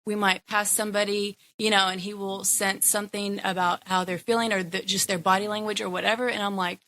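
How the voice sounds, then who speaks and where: A woman's voice: mid-range voice, level tone, brisk, a bit bright. A woman in her thirties, a guest in an interview, talking casually with lots of fillers. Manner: casual, chatty, many fillers. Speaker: guest, educator and mother. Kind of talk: conversational interview.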